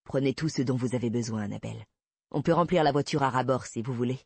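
A gruff male police investigator, as the narrator puts him on, firm and protective, his voice pitched low. Slightly husky and very dry, read close for a storybook. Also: quick pace, dry recording. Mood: tender.

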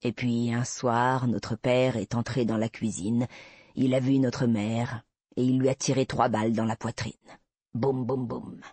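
A man's voice: medium pitch, level tone, a little slow, a little mellow, husky, no echo. A man voicing a creepy obsessive man confessing. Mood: cold recounting. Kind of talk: audiobook reading.

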